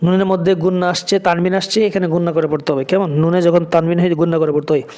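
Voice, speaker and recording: A man teaching Quran reading, spelling out letters and vowels syllable by syllable and chanting the words slowly. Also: high-pitched, level tone, a little mellow. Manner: slow syllable-by-syllable drilling, drawn-out chanted recitation.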